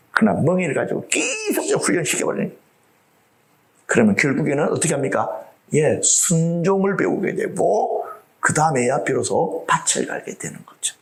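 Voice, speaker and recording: A man from South Korea preaching a sermon to his congregation. He swings between loud outbursts and whispered asides and acts out the voices he quotes. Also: on the high side. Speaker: pastor. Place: church before a live congregation.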